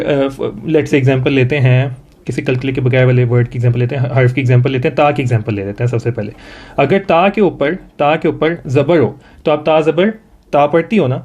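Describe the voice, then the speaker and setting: A man's voice: on the high side, a little mellow. Patient Pakistani man tutoring Quran reading. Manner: patient, repeats each sound slowly for the student to echo. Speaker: Quran recitation teacher.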